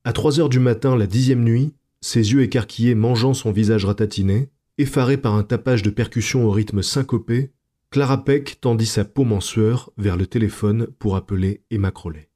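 A man narrating a strange short story aloud in a slow, hushed, measured way. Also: medium pitch. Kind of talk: scripted narration of night tales.

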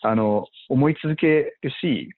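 A man working as a venture investor, chatting casually with lots of fillers and animated retellings. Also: medium pitch, takes it slowly. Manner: animated, many fillers, acts out quotes. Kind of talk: casual podcast conversation. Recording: tinny phone-like audio.

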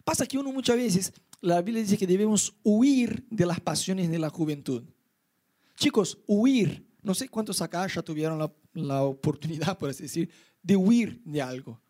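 A young man with a Rioplatense Spanish accent preaching an animated sermon to youth, acting out his stories and inner thoughts. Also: normal speed. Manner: lively storyteller, voices his own inner thoughts in high pitch. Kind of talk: animated sermon with acted-out anecdotes.

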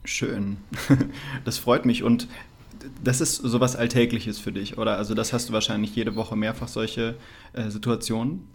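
Gravelly-voiced male podcast host. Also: fairly low pitch, level tone, normal speed. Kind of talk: scripted intro then interview.

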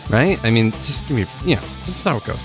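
A man's voice: medium pitch, lively intonation, quick pace, faint music behind. A middle-aged man hosting a sports radio show with casual morning banter in a studio. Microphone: close studio microphone.

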